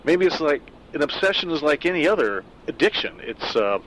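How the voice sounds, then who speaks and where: A middle-aged Southern California man talks casually and reflectively about a story he wrote, as a loose spoken afterword packed with fillers. His voice is a little high and fairly bright, very animated and fairly quick. The low-quality recording has a slight hiss or hum.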